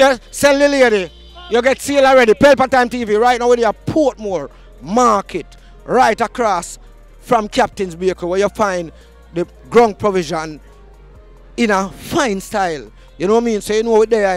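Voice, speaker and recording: Jamaican guy hyping up a market vlog, super high voice, keeps chanting his catchphrase. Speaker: vlog host. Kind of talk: street vlog patter. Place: outdoor market.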